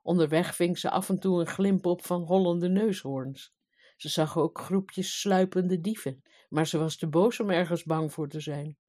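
A woman reading a fairy tale aloud in a calm, even storytelling manner. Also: fairly low pitch, measured pace.

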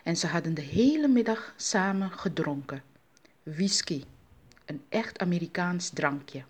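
A woman's voice: on the low side, animated, unhurried, husky. Woman storyteller telling a folk tale. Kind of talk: storytelling narration.

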